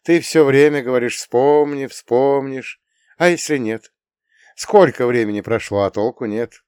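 A man's voice: medium pitch, unhurried, a little mellow, clean tone, no room sound, studio quality, voice pushed up, natural voice. A male audiobook reader voicing an earnest, pleading boy who carries an adult mind. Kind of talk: audiobook character reading.

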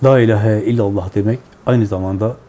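Man as Sufi teacher, very dark timbre, low voice, measured repetitive phrasing. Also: steady tone. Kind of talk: devotional teaching to callers.

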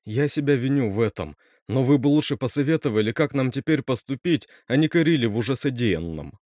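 A man voicing a frightened teenage girl who turns shrill and high-strung when upset, in a read-aloud horror story. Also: expressive, fairly quick, darkish tone, no echo, studio quality, lightly acted. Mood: scared.

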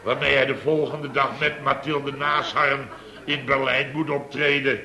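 A male actor in a Dutch radio comedy from around 1970 plays a blustering, indignant building-firm boss, grumbling at length with exasperated sputtering in a scolding mood, lightly acted in a Netherlands Dutch accent. His mid-range voice keeps a level tone at a slightly slow pace. The hissy old radio recording has a crowd in the background.

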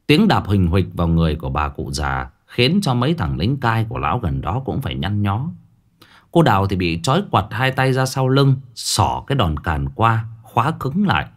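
Husky male storyteller with a lively voice. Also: fairly low pitch, normal speed. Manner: vivid, dramatic storytelling with coarse folk speech. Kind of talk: ghost story narration.

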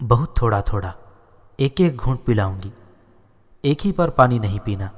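A man voicing a young woman who gently but firmly looks after a weak captive. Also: medium pitch, animated, close to an everyday voice. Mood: coaxing. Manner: soft, coaxing, firm. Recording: long reverberant echo.

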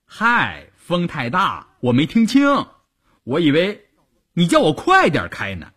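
A man's voice: fairly high pitch, wildly swooping pitch, unhurried, a bit bright, breathy edge, pitched above the performer's own voice, heavily acted. A man playing a cheeky young army driver. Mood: playing dumb. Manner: sly, feigned innocence.

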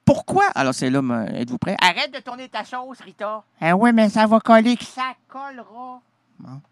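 A man's voice: high voice, big pitch swings, moderate pace, no room sound. A man hosting a radio show, joking and rambling in a playful, goofy way with a nasal voice. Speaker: radio host. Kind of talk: comic radio banter.

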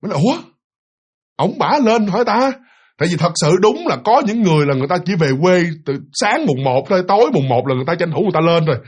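A husky, fairly high-voiced man with a Southern Vietnamese accent tells a ghost story in an easy, chatty way. He speaks to the listener as "you" and imitates the noises in the tale. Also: animated, rapid-fire, hardly any pauses, muffled recording. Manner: addresses listeners as "you", acts out sounds. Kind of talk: casual spoken ghost story.

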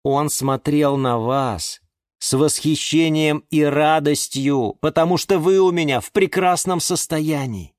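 A man's voice: on the high side, measured pace, no room sound, studio quality, voice pushed up, lightly acted. A man voicing a patient young man who reasons with his talking plants in a children's audiobook, with a reasoning, exasperated manner. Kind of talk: audiobook character voice.

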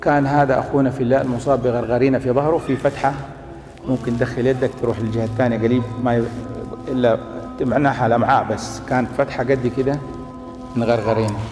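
Impassioned preacher, fast. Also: male voice, mid-range voice, steady tone. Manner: impassioned, rising to near-shouting. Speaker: preacher who washes the dead. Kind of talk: storytelling sermon. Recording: echoey hall with faint music.

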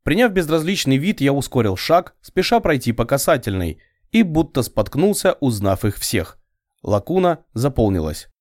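A male narrator reads a first-person novel with an expressive, ironic delivery. His pitch rises and falls widely around a middle register. The sound is dry and close. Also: moderate pace, no echo. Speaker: audiobook narrator.

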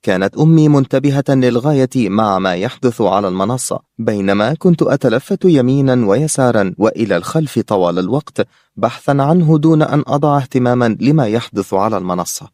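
A man narrating a novel as an audiobook in a steady, even storytelling voice. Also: medium pitch, brisk, no echo, studio quality.

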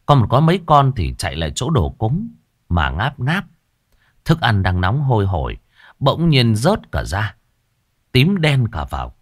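A man narrating a ghost story in a dramatic, expressive storytelling manner. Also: mid-range voice, measured pace, breathy edge, no echo, studio quality.

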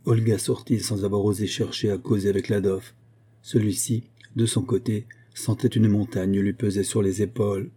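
A man narrating a novel as an audiobook, in a calm, even-paced reading. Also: fairly low pitch, moderate pace, breathy edge.

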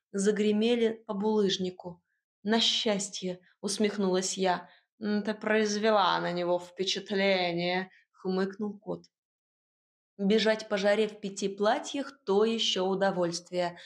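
A woman reading a first-person story aloud as an audiobook narrator, in a lively, wry storytelling manner. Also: mid-range voice.

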